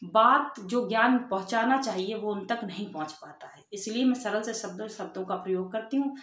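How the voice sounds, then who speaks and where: A woman's voice: mid-range voice, normal speed, fairly bright tone. A woman teacher giving an exam-prep lecture, explaining in simple words, asking rhetorical questions and checking in with "ठीक है". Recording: echoey room.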